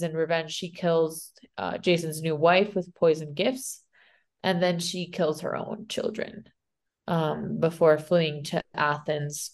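Woman, Spanish accent, somewhat low voice, casual podcast co-host who rambles and restarts as she tells a story. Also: darkish tone. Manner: rambling, unsure, lots of "like" and restarts. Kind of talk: casual chat retelling a myth.

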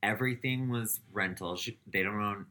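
A man's voice: on the low side, normal speed, pushed and bright. A man co-hosting a podcast, recounting celebrity gossip in casual chat, laughing and saying "um" as he goes. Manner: laughs while telling, trails off with "um". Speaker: podcast co-host.

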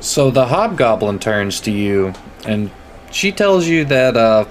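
A man's voice: mid-range voice, big pitch swings, takes it slowly, noisy background. A man narrating a tabletop role-playing game as game master in a casual style.

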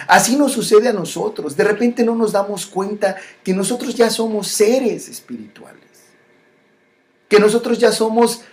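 This reflective spiritual monologue comes slowly, full of repeated phrases, frequent pauses and restarts. The voice sits at medium pitch and has a darkish tone.

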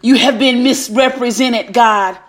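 Praying aloud in a preacher's fervent, commanding style, a woman breaks up her phrases with repeated invocations of God. Her fairly high voice runs a little slow, and there is music in the background.

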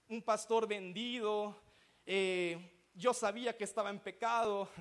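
High-pitched male pastor, sermon delivery, checks in with the room often. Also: fairly bright tone. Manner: preaching with rhetorical checks to the congregation.

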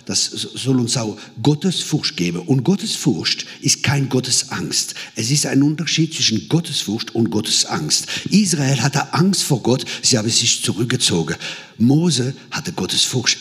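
A man's voice: mid-range voice, normal speed. Man preaching a sermon. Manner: animated storytelling, quotes people in changed voices.

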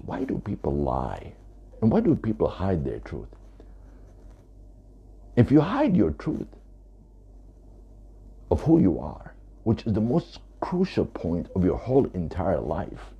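Very deep gravelly man, emphatic. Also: lo-fi sound. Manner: emphatic, repeating points. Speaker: author. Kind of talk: talking to camera about his book.

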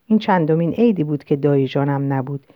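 A woman with a somewhat low voice reads a novel aloud in the first person. Her delivery is calm and reflective. The recording is dry, close and a little dull. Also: no echo. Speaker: audiobook narrator. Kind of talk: narrating a novel.

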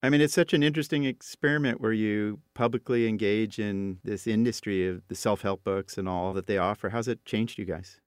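A man's voice: lowish voice, fairly even intonation, brisk, few pauses, smooth, no room sound, studio quality. A man hosting a podcast, introducing guests and interviewing them conversationally. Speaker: podcast host.

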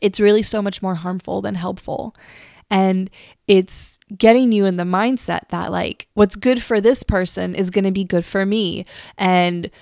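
A woman's voice: medium pitch, fairly even intonation, a little slow, gravelly, a little mellow, no room sound. A young woman in her twenties hosting a solo podcast, talking in an earnest, chatty way that often repeats words as she restarts. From United States. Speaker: podcast host. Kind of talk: casual solo podcast talk. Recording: dry close recording.

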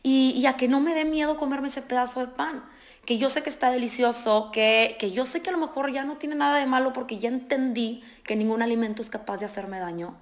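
Woman, nutritionist guest, lively explainer, slightly high voice. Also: fairly quick. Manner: animated, explanatory, acts out patients' quotes. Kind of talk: casual podcast conversation.

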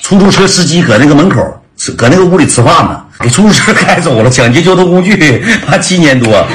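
Fast-talking Northeastern Chinese man, chatty. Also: fairly high pitch, expressive, a little hiss or hum. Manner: chatty, laughs while telling, calls out to listeners. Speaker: storyteller. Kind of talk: casual comic storytelling.

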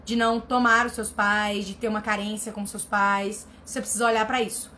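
Blunt woman, bright sharp voice. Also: mid-range voice, flat delivery, brisk, slight background noise. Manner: blunt, emphatic, repeats herself for stress. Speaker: family constellation therapist answering viewer questions. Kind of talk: casual live advice reading comments.

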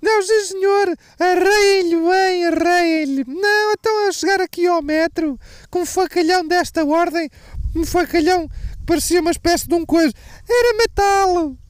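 A man doing a shrill, outraged old woman. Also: normal speed, no room sound, studio quality. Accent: European Portuguese. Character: indignant old woman bystander demanding harsh punishment.

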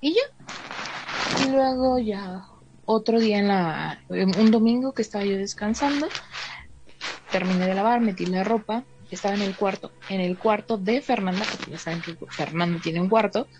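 A woman with a Mexican Spanish accent telling a story in a relaxed, chatty way, acting out what each person said. The recording is slightly dull, with a faint hiss behind her. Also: medium pitch, moderate pace. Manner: chatty, fills in with "o sea", acts out the dialogue. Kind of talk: casual storytelling to a listener.

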